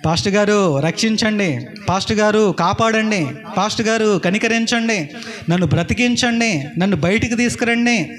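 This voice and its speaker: A man's voice: sits high, normal speed, a bit bright, pitched above the performer's own voice. A man voicing a drowning young man who desperately pleads to be rescued. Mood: desperate pleading.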